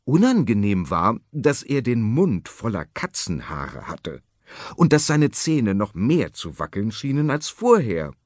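Man narrating a children's audiobook, expressive, lively pitch, very dry studio sound. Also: measured pace, dry recording. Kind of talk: scripted children's story narration.

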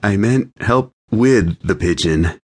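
A man's voice: fairly low pitch, lively intonation, takes it slowly. A male audiobook narrator voicing a composed young rabbi who speaks in a dry, restrained way. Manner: dry and restrained, quietly stern. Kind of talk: audiobook character voice.

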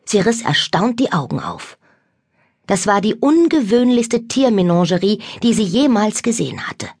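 A woman narrating a children's audiobook with lively, expressive storytelling on a close studio mic. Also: mid-range voice, normal speed, slightly rough, no echo.

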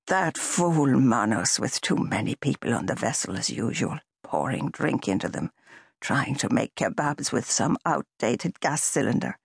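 A woman reading an older village man's lines in a slow, grave and measured way. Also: extremely low pitch, animated, creaky, breathy edge, no room sound, clean studio sound, pitched below the performer's own voice, full character voice.

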